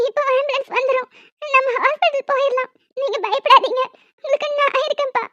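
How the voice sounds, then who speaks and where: A woman's voice: very high voice, a little mellow, no room sound. A woman voicing a young wife in a cartoon serial, pleading and tearful for her father. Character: young wife, loving and desperate daughter. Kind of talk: Tamil cartoon serial voice acting. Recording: dull lo-fi sound.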